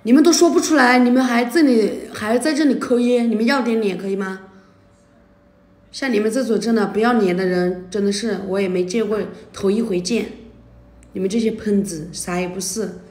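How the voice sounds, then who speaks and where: A woman's voice: mid-range voice, fairly even intonation, moderate pace, a little mellow. A woman livestreaming at night, arguing indignantly, scolding and repeating herself. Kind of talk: heated argument on a livestream. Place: indoor room at night. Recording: echoey room.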